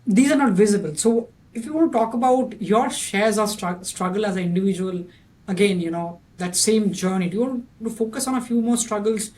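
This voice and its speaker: Speaking fairly quickly in a high but darkish voice, this podcast host has a thick Indian accent. His interview questions keep starting over, and he tends to end them with "right?" A little hiss or hum sits under the audio.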